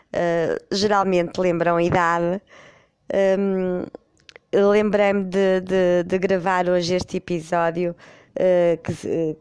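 A middle-aged podcast host with a European Portuguese accent tells a personal story, rambling, self-correcting and amused, while congested with a cold. Her voice sits fairly low and is a little mellow, with a clear, resonant tone and no room sound.

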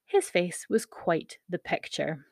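A woman's voice: on the low side, very animated, slow pace, creaky, dry recording, studio quality. A woman in her thirties with a Scottish accent, hosting a podcast and reading her own personal essay in a wry, playful way. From Scottish Highlands. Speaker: podcast host.

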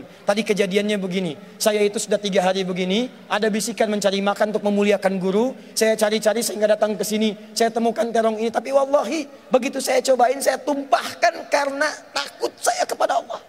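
A humble, anxious young man pleads his case in a high, bright voice, as a male preacher acts him out. The words ring out with a long hall reverb behind them. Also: steady tone, quick pace, few pauses, lightly acted. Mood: confessing. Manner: pleading, earnest.

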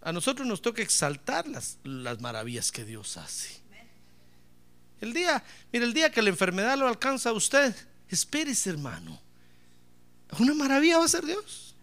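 Gravelly, animated preaching man. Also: extremely high pitch, moderate pace. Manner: emphatic preaching with call-and-response and joking asides. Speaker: pastor. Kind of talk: sermon.

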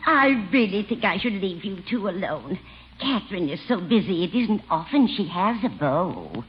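Woman as a flattering, fluttery mother in old radio comedy, lively pitch. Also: moderate pace, a little hiss or hum, close to an everyday voice. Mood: gushing. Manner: gushing, flattering. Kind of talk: 1940s radio comedy acting. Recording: dull old radio broadcast.

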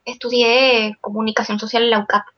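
A young woman from Venezuela, a guest illustrator in a casual interview, chatty and quick-talking. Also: a little high, flat delivery, lo-fi sound.

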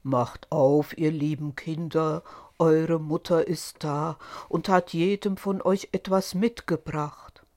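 Woman putting on a rough-voiced big bad wolf. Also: fairly even intonation, takes it slowly, a little mellow. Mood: gruff coaxing. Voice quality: rough, low growl. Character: big bad male wolf, gruff and cunning.

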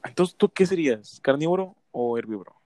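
A young man with a Mexican Spanish accent jokes around on a casual podcast, teasing his co-host and laughing a lot. His voice sits a little high for a man. The recording is close and dry. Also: expressive, a little fast, a little mellow, dry recording. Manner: joking, teasing, laughs often.

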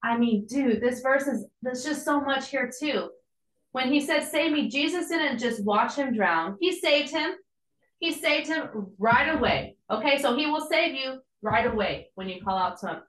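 A woman's voice: high voice, expressive, unhurried, fairly bright tone. A woman, giving a conversational, earnest devotional teaching with casual asides. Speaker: podcast host and church planter. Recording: echoey room.

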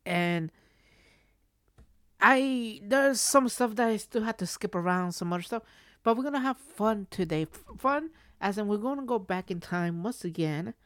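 A woman's voice: mid-range voice, animated, a little slow, dry recording, clean studio sound. A woman hosting a solo podcast, telling stories casually in a rambling way that circles back and repeats phrases. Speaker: podcast host.

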